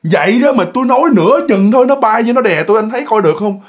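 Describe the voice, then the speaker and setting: A man's voice: sits high, animated, racing, breathy edge, pitched above the performer's own voice. A man voicing a fretful, frightened middle-aged village uncle, complaining in a rambling, breathless rush. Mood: agitated.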